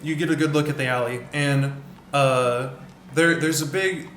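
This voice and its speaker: A man's voice: a little high, fairly even intonation, unhurried, a bit bright, reverberant, faint music behind. Rambling man narrating as game master. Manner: rambling, many fillers and restarts.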